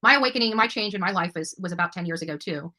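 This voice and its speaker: An online show host interviews a guest, chatty, emphatic, and full of opinions, and she also reads text messages aloud. Her voice sits on the low side and comes out rapid-fire, bright, and forceful.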